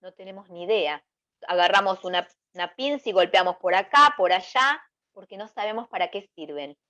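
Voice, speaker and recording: A woman's voice: mid-range voice, expressive, moderate pace, pushed and bright. A woman presenting an educational webinar. She asks questions aloud and answers them herself, checking in with her listeners as she explains. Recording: dull lo-fi webinar audio.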